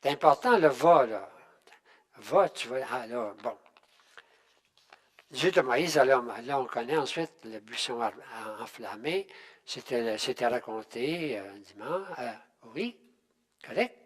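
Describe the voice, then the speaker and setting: An older man teaching a Bible class in a halting, conversational way, often restarting and checking in with his listeners. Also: medium pitch, animated. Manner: halting, with many restarts and tag questions. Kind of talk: unscripted Bible class talk.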